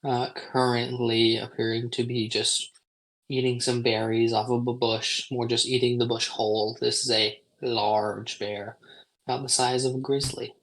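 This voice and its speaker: A man acting as game master, describing scenes at an unhurried pace with pauses and ums on a live stream. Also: mid-range voice, level tone, fairly bright tone, poor audio.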